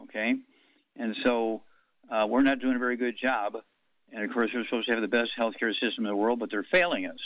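A man in his eighties hosting a radio talk show, rambling slowly through figures with many fillers. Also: medium pitch, fairly even intonation, no room sound. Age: 80s. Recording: dull lo-fi radio sound.

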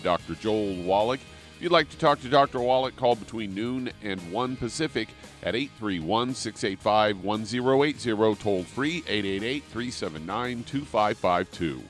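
A male radio announcer giving a polished, scripted promotional read. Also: on the low side.

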